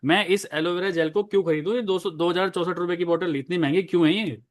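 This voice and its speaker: In this sales training role-play, a twentysomething trainer of network marketers first acts as a skeptical customer and then turns to the viewer with animated coaching on answering such objections. He speaks quickly in a high voice.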